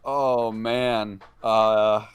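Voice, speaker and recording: A man's voice: fairly low pitch, steady tone, very slow, clear, resonant tone, dry recording. A man co-hosting a casual gaming podcast, enthusiastic and rambling as he explains games. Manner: enthusiastic, rambling, full of fillers. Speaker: podcast co-host.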